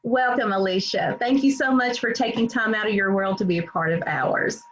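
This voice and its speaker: A woman's voice: mid-range voice, brisk, a little hiss or hum. A woman hosting an online interview, gushing and encouraging toward her guest. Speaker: host. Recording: dull lo-fi sound.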